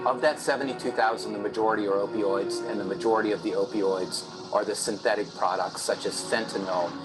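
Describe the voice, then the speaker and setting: Man, low voice, emphatic, explanatory, interview delivery, clear music bed. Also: fairly even intonation, brisk, rough recording. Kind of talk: documentary interview.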